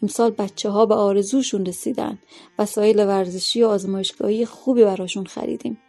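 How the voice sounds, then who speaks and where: A woman's voice: mid-range voice, fairly even intonation, dark tone, soft background music, close to an everyday voice. A woman voicing a stern, ill-tempered male school vice-principal who lectures, in a story reading. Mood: businesslike.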